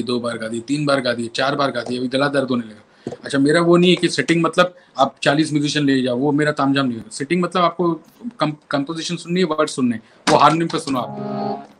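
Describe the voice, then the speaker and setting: A middle-aged man, a musician guest telling animated anecdotes in an interview and acting out other people's lines. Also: medium pitch, slight background noise. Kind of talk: storytelling in an interview.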